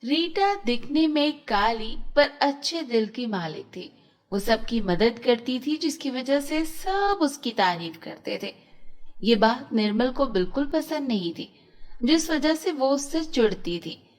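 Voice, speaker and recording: A woman narrating a children's cartoon story in a slow, expressive storytelling manner. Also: sits high.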